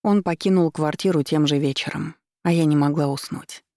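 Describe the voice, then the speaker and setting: A woman narrating a first-person audiobook in a steady, measured way. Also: low-pitched, no room sound, studio quality.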